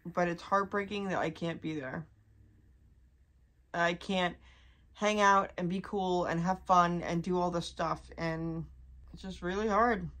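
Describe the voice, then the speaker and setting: A young woman talking candidly to her vlog audience, halting and restarting as she holds back tears. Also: on the low side, steady tone, fairly bright tone. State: on the verge of crying. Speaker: vlogger.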